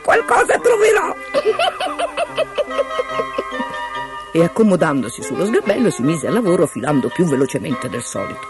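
A woman narrating a fairy tale aloud in an expressive, lilting way, with music playing behind. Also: deep voice, fast talker, hardly any pauses. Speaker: storyteller.

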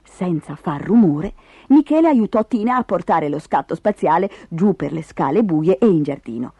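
A woman reading a children's storybook aloud in an expressive, animated way. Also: fairly low pitch, normal speed, husky, no room sound, highs cut off. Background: music.

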